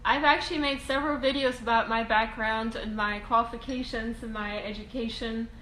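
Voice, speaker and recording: A woman from Russia talks through viewer questions on investing in a loose, unscripted way, pausing on ums and restarting her sentences. Her voice sits a little high. The room is echoey, with a faint hiss of ambience behind her. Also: fairly even intonation, fairly bright tone. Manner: halting, frequent ums and restarts. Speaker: real estate investing educator. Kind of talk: casual Q&A video talk.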